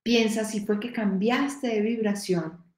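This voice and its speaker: A woman giving a live-streamed motivational talk, animated and addressing her audience directly, with stories. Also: mid-range voice, unhurried, reverberant. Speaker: motivational speaker.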